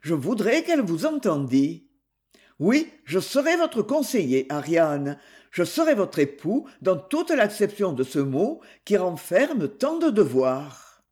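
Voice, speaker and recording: A man voicing an earnest, devout young man in love, slow and solemn. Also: high voice, sing-song, darkish tone, exaggerated voice. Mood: ardent, tender.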